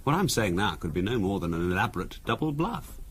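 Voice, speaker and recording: In a 1970s radio drama, a male actor with a fairly low-pitched voice plays a calm, quietly insinuating middle-class husband. He muses aloud in a deliberate, conversational way. The recording is a noisy one from the 1970s.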